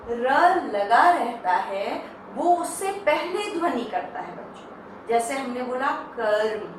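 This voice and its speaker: A woman teaching a Hindi lesson to children, explaining slowly and patiently and asking the class questions. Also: on the high side, recorded from a distance. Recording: echoey room, off-mic, faint hiss.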